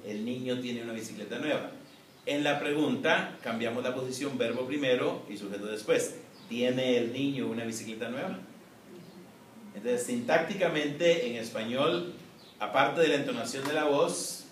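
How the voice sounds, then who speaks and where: Professor lecturing in an echoey classroom. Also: male voice, medium pitch. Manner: measured, explanatory, frequent "eh" and "¿no?" tags. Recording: echoey room, distant mic, faint noise.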